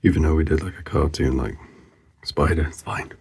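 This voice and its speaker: A man's voice: a bass voice, fairly even intonation, moderate pace, gravelly, a little mellow, breathy edge. A man hosting a drawing channel, mumbling casual commentary to himself as he sketches, rambling with lots of fillers.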